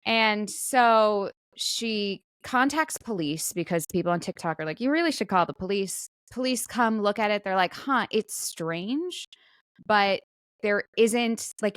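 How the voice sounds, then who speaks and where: A woman co-hosts a casual talk show, chatting conversationally as she retells a viral story and acts out quotes along the way. Her voice sits at medium pitch, recorded dry with studio quality.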